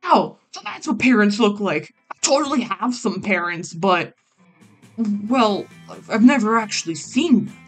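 A woman plays a big, simple-hearted werewolf jock from a video game. The voice is husky and earnest, with a naive, childlike sweetness. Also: medium pitch, very animated, a little slow, faint music behind. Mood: puzzled. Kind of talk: voicing a video game's dialogue.

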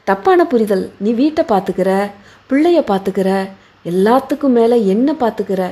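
A woman voicing a devoted young husband who calmly reasons with his wife and reassures her. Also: high-pitched, fairly quick. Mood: reassuring.

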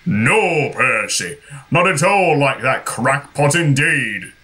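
A man voicing a stern, pompous, middle-aged male railway boss who booms his lines. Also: expressive, takes it slowly, pushed and bright. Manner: booming and stern.

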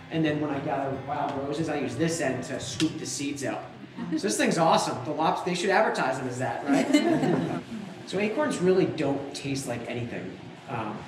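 A man's voice: medium pitch, background noise. A young man leading a foraging class, talking casually and laughing often. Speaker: foraging instructor. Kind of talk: outdoor teaching walk. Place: forest outdoors, then wooden lodge hall.

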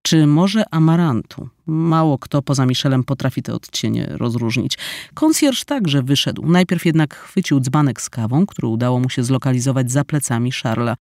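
A man reading an audiobook as scripted narration, expressive with an ironic storytelling manner. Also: medium pitch, moderate pace, no room sound, clean studio sound. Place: studio.

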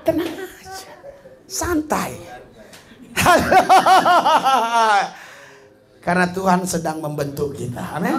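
Animated preaching man, big swings in loudness. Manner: animated preaching, swings between loud bursts and low asides, laughs often. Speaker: pastor. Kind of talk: lively sermon. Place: small church.

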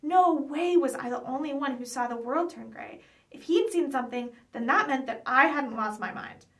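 A young adult woman with a high voice reads a children's chapter book aloud at a normal speed, expressively, with small stumbles over words. Her voice is picked up from some distance.

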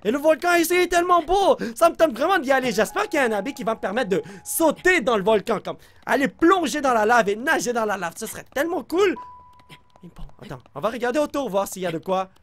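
A man with a Québécois French accent giving excitable gameplay commentary, reacting loudly and talking straight to his viewers with English exclamations mixed in. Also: very high voice, fast talker. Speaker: let's play host.

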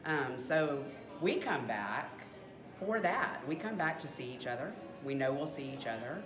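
A woman's voice: low-pitched, big pitch swings, a little slow, roomy sound, music in the background. A middle-aged woman chatting reflectively as an interviewed mother. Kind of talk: reflective casual chat. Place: small lamp-lit room.

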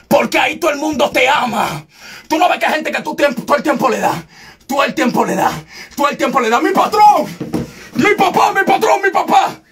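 A man preaches in a relentless shout, his voice pitched very high and gravelly. He hammers each point confrontationally, now and then bursting into tongues. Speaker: evangelist preacher. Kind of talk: fiery shouted sermon.

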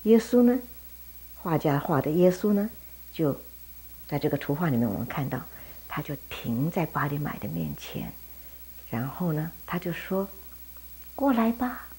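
A woman teaching Sunday school, telling a Bible story in a lively way and talking directly to the children. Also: low voice, normal speed, pauses often.

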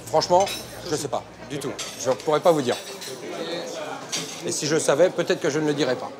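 A man in his forties, a restaurant manager, talking briskly while at work in a busy restaurant. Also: fairly high pitch, crowd noise. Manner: brisk, switches to simple English with guests. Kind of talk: on-the-job interview.

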